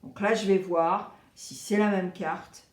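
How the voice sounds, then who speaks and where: A woman giving a casual, chatty tarot reading, expressive and animated, acting out little quoted exchanges. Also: medium pitch, slow pace, reverberant, a little hiss or hum. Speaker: tarot reader.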